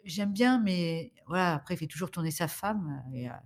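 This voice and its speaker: Une femme d'âge mûr, invitée d'un podcast, parle de livres de façon décousue, avec beaucoup d'hésitations. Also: female voice, lowish voice, lively intonation, fairly quick. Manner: rambling, hesitant, full of fillers. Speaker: guest, the host's mother. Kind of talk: casual podcast chat about books.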